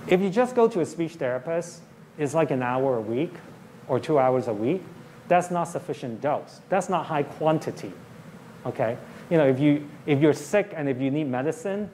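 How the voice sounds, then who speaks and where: A man's voice: fairly high pitch, warm tone. Man, public lecture, explanatory, frequent "okay?", faint background noise. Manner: explains plainly, often checks in with "okay?". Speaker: professor giving a public lecture. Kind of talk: university public talk. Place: lecture hall.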